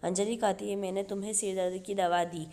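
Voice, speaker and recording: Flat, mellow-voiced woman recapping. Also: medium pitch, brisk. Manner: steady read-through, reads quoted dialogue in her own voice. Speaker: YouTube channel host. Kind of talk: reading a TV serial episode recap.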